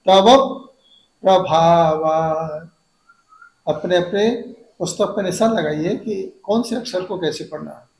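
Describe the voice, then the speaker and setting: A man, a Jain monk, teaching how to recite a hymn, drawing out each verse syllable slowly and then explaining the pronunciation in quick asides. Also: high-pitched, gravelly, a little mellow, echoey room, slight background noise, rough recording. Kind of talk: devotional recitation lesson.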